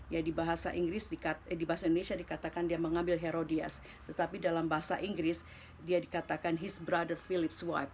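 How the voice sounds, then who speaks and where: A woman with a lowish voice leads a Bible study. She reads the verses softly and slowly, often drifting into a breathy whisper, then explains them in a loose, chatty way. A faint hiss of noise sits under her voice. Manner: explains in a loose, talkative way with many fillers. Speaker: Bible teacher.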